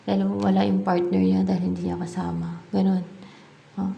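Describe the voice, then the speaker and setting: A woman's voice: mid-range voice, level tone, normal speed, gravelly, lo-fi sound. A woman giving a casual spoken tarot reading, musing aloud and repeating herself as she mixes English into her speech. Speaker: tarot card reader.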